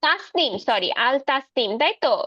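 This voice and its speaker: A woman teaching a spoken English class to children over a video call, patient and coaxing, mixing Bengali with slow, careful English. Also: sits high, lively intonation, pushed and bright, no echo, lo-fi sound.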